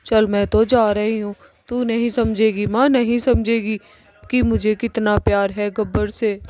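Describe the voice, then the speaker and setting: A woman voicing a pushy, lovesick young witch daughter in a cartoon, talking in a loud nagging way. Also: medium pitch, level tone, unhurried, dry recording, faint music behind, close to an everyday voice.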